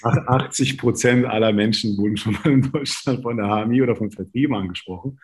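A man's voice: medium pitch, fairly quick, slightly rough. A man in his late thirties from Berlin, telling a personal story in a casual conversation and acting out the lines people said to him. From Berlin, Germany. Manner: lively anecdotes, acting out quoted dialogue. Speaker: interview guest, sales business leader.

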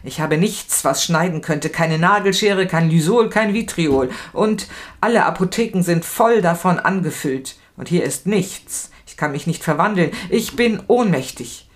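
A woman reading a novel aloud in the first person, expressive and emotional, moving between fear and anger. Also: on the low side, unhurried. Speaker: reader.

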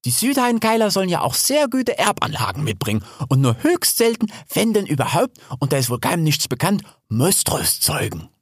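A bright, high-voiced young wild sow bubbles along, teasing and chatty, as a man puts her on. Her voice leaps all over the place. The reading is dry and close, with no room around it. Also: big pitch swings, fairly quick, hardly any pauses, breathy edge, no room sound.

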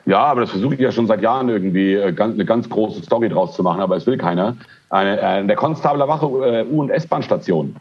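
A man's voice: fairly low pitch, fast talker, breathy edge, highs cut off. A man co-hosting a podcast, ranting animatedly in casual chat and often stumbling over his words. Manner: animated ranting, frequent hesitations. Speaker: podcast co-host.

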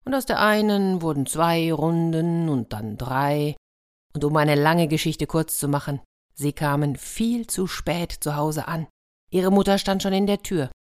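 A woman reading a fairy tale aloud to her listeners, lively and animated, with soft asides. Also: low voice, a little slow. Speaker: storyteller.

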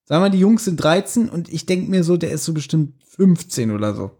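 A man with a slightly raised, husky voice talks animatedly in a casual podcast chat. He laughs often and slips into quick put-on voices to act out scenes. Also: on the high side, sing-song, warm tone. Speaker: podcast co-host. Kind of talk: casual chat reviewing a radio play.

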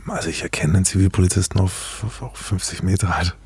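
A man's voice: sits low, fairly even intonation, quick pace, darkish tone, husky, no echo. A middle-aged man speaking as an interview guest, talking frankly and matter-of-factly in a casual interview.

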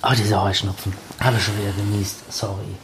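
A woman's voice: rumbling low, little pitch movement, fairly quick, very noisy. A woman co-hosting a podcast at home, chatting casually in a dry, teasing way into a close microphone. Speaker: podcast co-host. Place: at home on a sofa. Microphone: studio microphone up close.

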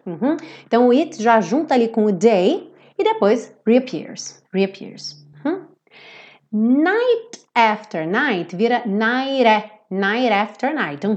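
A woman's voice: a little high, darkish tone, lo-fi sound. Playful Brazilian woman teaching pronunciation. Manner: playful, drawls out words slowly to demonstrate. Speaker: English teacher. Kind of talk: live-streamed pronunciation lesson.

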